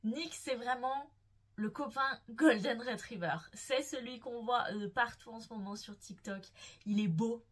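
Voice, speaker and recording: A woman's voice: fairly high pitch, a little slow, fairly bright tone. Gushing young woman talking books. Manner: gushing, playful, swooning over characters. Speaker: book vlogger. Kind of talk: casual enthusiastic book chat.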